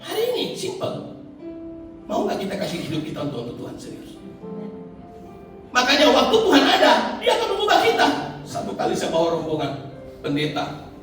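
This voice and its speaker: A man's voice: high-pitched, huge pitch swings, a little fast, long pauses, a bit bright, far from the mic. A man preaching a sermon as pastor, telling stories animatedly and acting out the voices in them, with an Indonesian accent, in a large church hall with music behind.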